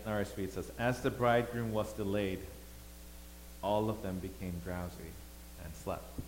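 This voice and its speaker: A man who grew up in Thailand, preaching a sermon as pastor, swinging between loud emphasis and quiet asides. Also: lowish voice, steady tone, moderate pace. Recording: echoey hall, faint hum.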